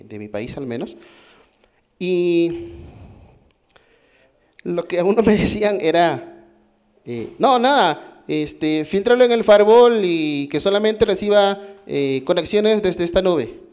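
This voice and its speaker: Through a microphone in a conference hall, a Peruvian man speaks with a Peruvian Spanish accent in a slightly high, darkish, clear and resonant voice. He walks through his technical topic step by step, pausing to question the audience and often breaking off to restart his sentences mid-thought.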